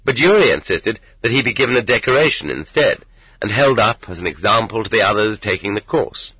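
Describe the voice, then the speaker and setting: Male narrator, low and husky, measured earnest reading, dry dull recording. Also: lively intonation, dry recording. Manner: measured, earnest reading with quoted voices lifted higher. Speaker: audiobook narrator. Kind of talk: scripted narration.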